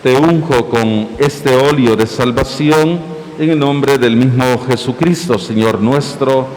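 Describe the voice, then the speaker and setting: A man speaking as a priest, reciting baptismal liturgy in a solemn, measured manner in an echoing church. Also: medium pitch. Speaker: priest celebrating Mass. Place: large reverberant church. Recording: cathedral-like echo, long reverb, loud noise.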